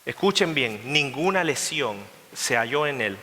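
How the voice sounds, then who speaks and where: A male pastor preaching a sermon, retelling a scripture story in a lively way and asking the congregation questions. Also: mid-range voice, a little slow. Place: church sanctuary. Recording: long church reverb.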